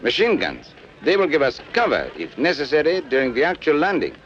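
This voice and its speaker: A dutiful police inspector speaks formally and politely, with a lively tune. The old film sound is dull and lo-fi, with faint outdoor traffic behind. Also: male voice, on the high side, a little fast. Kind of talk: 1960s film acting.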